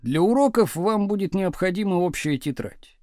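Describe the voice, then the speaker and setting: A stern young teacher with a dry, clipped way of giving orders, as a male narrator reads him. The voice sits high and swings widely in pitch. It is recorded close and dry, with no room sound. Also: expressive, normal speed, darkish tone, no echo. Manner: dry, curt, commanding. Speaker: school teacher.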